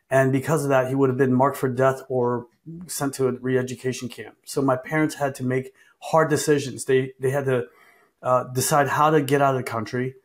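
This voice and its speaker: A man in his fifties from Vietnam, a guest answering interview questions in a soft-spoken, earnest way over a video call. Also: medium pitch. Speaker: political candidate guest.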